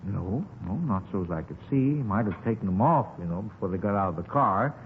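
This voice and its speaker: This man's fairly low, expressive voice moves at a brisk clip, though the mood stays vague and unhurried. He plays a talkative, folksy witness to a street shooting in a 1950s radio drama, wandering through colloquial phrases. The audio is narrow and tinny, a scratchy, thin recording of the era.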